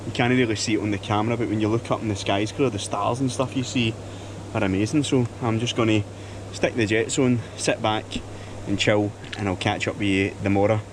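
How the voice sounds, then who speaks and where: A man's voice: fairly low pitch, steady tone, brisk, noisy background. A man with a Scottish accent, chatting casually and enthusiastically as a travel vlogger while walking around a lodge and lochside. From Scotland. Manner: chatty and enthusiastic, heavy on local slang.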